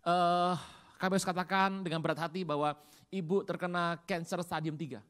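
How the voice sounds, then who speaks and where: A preacher voicing a doctor who formally and slowly breaks bad news during a sermon. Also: mid-range voice, fairly even intonation, a bit bright, close to an everyday voice. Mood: regretful. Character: doctor giving grave lab results, formal.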